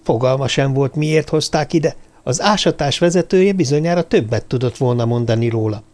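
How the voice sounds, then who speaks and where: A man narrating a novel as an audiobook, reading in a steady, measured way. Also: medium pitch. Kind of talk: scripted narration.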